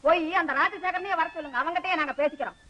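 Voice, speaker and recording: An actress playing a sharp-tongued scheming aunt in an old film, taunting and scolding. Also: female voice, extremely high pitch, fast, muffled recording. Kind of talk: 1960s film acting.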